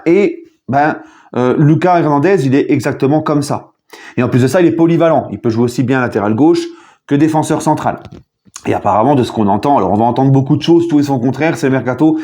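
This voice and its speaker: A football fan chats in a relaxed video debrief, his voice at a medium pitch. Lively and full of jokes, he now and then erupts into abrupt loud bursts.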